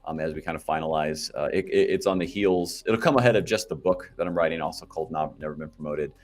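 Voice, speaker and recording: Very low-voiced man chatting loosely. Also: fast. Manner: rambling, self-correcting, jokey. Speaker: podcast guest and marketing company founder. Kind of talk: casual interview chat.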